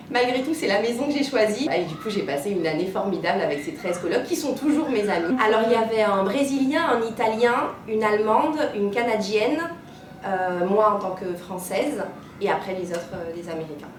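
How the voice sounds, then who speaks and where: A woman, a maths teacher chatting in an interview and pausing often on "euh". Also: animated. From Martinique. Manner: chatty storyteller, many "euh" pauses. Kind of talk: casual interview answers. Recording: roomy, distant mic, rumbling noise.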